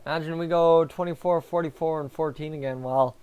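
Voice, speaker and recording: A man's voice: on the high side, fairly even intonation, a little fast, darkish tone, a little hiss or hum, low-quality recording. A man hosting a live hockey fan reaction stream, chatting casually and answering viewers while talking with a sore, raw tongue. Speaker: fan livestream host.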